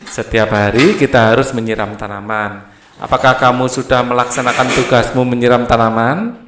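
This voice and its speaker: A man's voice: mid-range voice, steady tone, normal speed, background noise, lightly acted. A man reading aloud the lines of a patient father who explains plant care to his child. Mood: explaining. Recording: echoey room.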